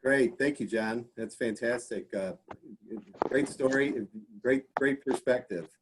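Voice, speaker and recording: A man hosts a club ceremony and introduces each speaker. He talks haltingly and stumbles through fillers, in an ordinary mid-range voice. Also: medium pitch, noisy background. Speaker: club president and meeting host.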